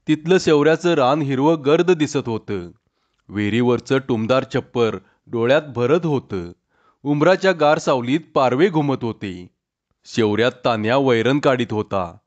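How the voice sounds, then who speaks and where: A man reading a rural story aloud in a calm, measured way. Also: mid-range voice. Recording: dull lo-fi audio.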